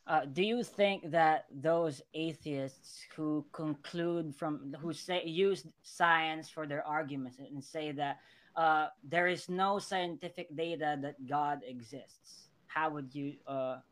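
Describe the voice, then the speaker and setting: A man's voice: on the high side, steady tone, slow, fairly bright tone. A man hosting a casual live podcast interview. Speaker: podcast host.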